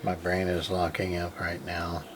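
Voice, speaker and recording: A tired hobbyist radio repairer with a low voice and completely flat delivery speaks at a measured pace against a noisy background. At his home workshop desk he casually shows off an old radio, thinking aloud with many fillers and restarts.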